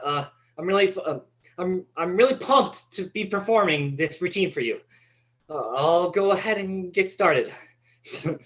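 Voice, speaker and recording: A man's voice: high-pitched, fairly bright tone, muffled recording, heavily acted. A man playing a nervous, floundering young first-time comic, stammering awkwardly through a stand-up monologue. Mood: nervous, eager.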